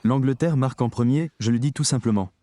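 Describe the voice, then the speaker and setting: A man's voice: mid-range voice, fast talker, mellow, no room sound. A man preaching a sermon, talking emphatically and straight to his audience. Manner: emphatic, addresses the audience directly.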